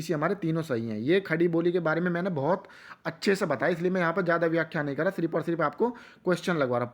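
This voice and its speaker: A man with a western Uttar Pradesh accent and a slightly high voice gives a rapid, quiz-style exam-prep lesson. He asks questions, answers them himself, and repeats every answer for emphasis.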